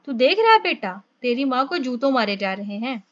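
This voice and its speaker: A woman's voice: high voice, very animated, moderate pace, no room sound, highs cut off. Woman reading as a fierce scolding village wife. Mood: wailing taunt. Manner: scolding, shouting insults. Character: fierce village peasant wife, sharp-tongued.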